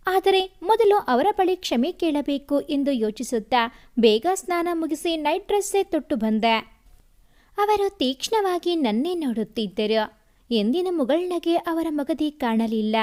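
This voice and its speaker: High-voiced woman narrating a story. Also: a little slow. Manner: expressive, emotional reading.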